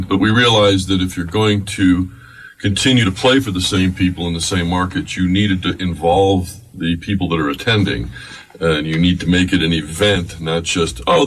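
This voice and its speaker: A man's voice: low-pitched, a bit bright. An older man who plays in a band, answering interview questions in a casual, chatty way. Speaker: band member, interview guest. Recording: distant mic, faint room noise.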